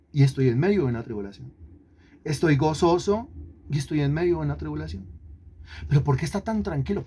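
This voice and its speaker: A man's voice: a little high, a little mellow. A man preaching a sermon, who repeats phrases, asks the congregation rhetorical questions, drawls out key words for emphasis and drops in sarcastic asides. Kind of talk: sermon teaching.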